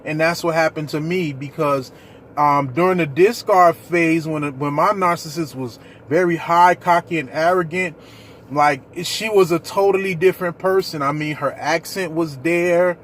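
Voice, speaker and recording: A man's voice: fairly high pitch, normal speed, a bit bright, a little hiss or hum. A man leading a ministry, talking earnestly and preacherly straight to his viewers about his own experience. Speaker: ministry leader. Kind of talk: personal testimony vlog.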